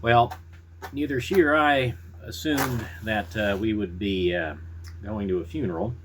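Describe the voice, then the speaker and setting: A middle-aged man chatting casually to viewers in a folksy, unhurried, halting way. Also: fairly low pitch, slight background noise. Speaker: pipe-smoking vlogger. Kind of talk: casual rambling chat to viewers.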